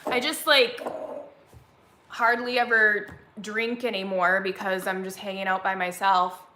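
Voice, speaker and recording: Bright, chatty young woman in an echoey room. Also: medium pitch, level tone, measured pace, slight background noise. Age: 20s. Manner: chatty, rambling, filler-heavy with frequent "like". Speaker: vlogger hosting a live chat. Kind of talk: casual live-stream chat.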